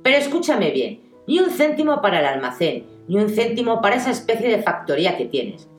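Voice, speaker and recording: A woman's voice: medium pitch, big pitch swings, natural voice. A woman doing a sardonic, domineering husband. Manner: mocking, deliberate emphasis. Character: man, wealthy, sardonic, teasing and domineering husband. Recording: echoey room with faint music.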